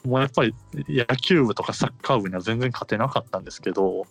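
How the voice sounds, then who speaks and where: A man's voice: medium pitch, quick pace, faint music behind. A man with a Kansai accent talking casually and explaining things in a conversational way. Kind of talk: casual chat.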